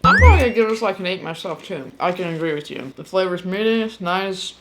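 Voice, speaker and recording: A woman's voice: on the low side, big pitch swings, fast talker, a bit bright, faint music behind, rough recording. A woman giving a candid, casual tasting review as the host, in plainspoken style.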